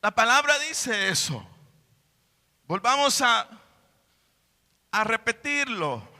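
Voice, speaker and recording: A man's voice: very high-pitched, very animated, slow pace, bright, forceful tone, in a large hall. A man preaching a sermon in a church, emphatic, repeating his phrases. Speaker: pastor.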